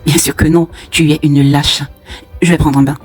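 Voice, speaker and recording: A cruel, self-admiring husband from a spoken tale, as the narrator puts him on. He boasts and mocks in a plain, mid-pitched voice. Soft music plays underneath. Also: level tone, moderate pace, breathy edge, close to an everyday voice. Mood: mocking. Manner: mocking, boastful. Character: vain cruel unfaithful husband, grown man.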